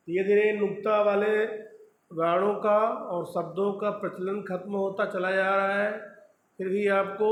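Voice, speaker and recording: Guy teacher walking students thru grammar, high flat voice, kinda echoey room w faint hiss. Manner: patient, explaining step by step, often checks with "okay". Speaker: school Hindi teacher. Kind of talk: classroom lesson video.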